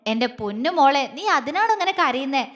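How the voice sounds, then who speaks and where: A woman's voice: sits high, big pitch swings, normal speed, in a large hall. A woman voicing an old grandmother who reassures a girl with amusement. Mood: amused. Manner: warm, amused. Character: kindly laughing grandmother.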